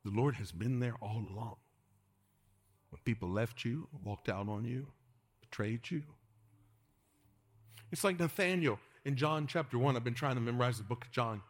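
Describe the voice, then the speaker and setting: A man preaching a sermon to a congregation in a church, dropping to hushed whispers and rising to urgent calls, and leading the room in call-and-response. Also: medium pitch, normal speed, pauses often. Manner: swings from hushed whispers to raised exhortation, calls the congregation to repeat. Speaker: pastor.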